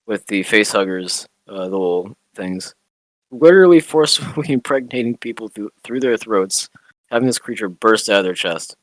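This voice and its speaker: A man co-hosting a podcast, explaining film details in a relaxed, casual way with the odd swear. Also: on the low side, moderate pace, no echo, poor audio. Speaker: podcast co-host.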